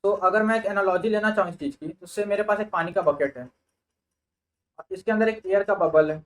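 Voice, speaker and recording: A young man with an Indian English accent tutors computer science, lecturing on sorting algorithms in a mix of Hindi and English. His voice sits high and moves fairly quickly as he explains each step and thinks aloud. The recording quality is low.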